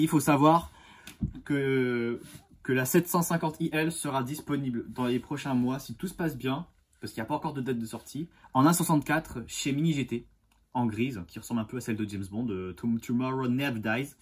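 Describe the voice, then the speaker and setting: A man hosting a casual unboxing vlog as a model car collector, enthusiastic and halting, with many fillers and restarts. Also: mid-range voice, husky. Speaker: die-cast model car collector and channel host.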